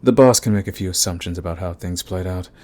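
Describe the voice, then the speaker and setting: A voice actor with a low, darkish, natural-sounding voice speaks fast in an intimate ASMR romance roleplay. He plays a smug, flirtatious villain with a soft spot for his enemy, taunting with a drawling menace.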